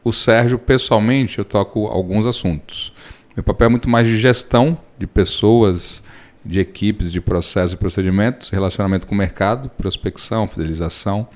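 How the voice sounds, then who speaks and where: A Brazilian man in his thirties, a lawyer, explaining his work at length with everyday examples in a relaxed podcast interview. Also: lowish voice, normal speed. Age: 30s. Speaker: lawyer and guest.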